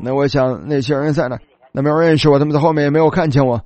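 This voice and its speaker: A man's voice: fairly high pitch, fairly even intonation, racing, darkish tone, dry recording. A man preaching, telling a long story in his sermon and filling his speech with many small filler words.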